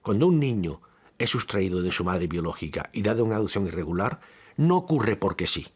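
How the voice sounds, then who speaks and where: A man's voice: lowish voice, very animated, brisk, breathy edge. A man in a documentary interview speaking in a firm, argumentative way.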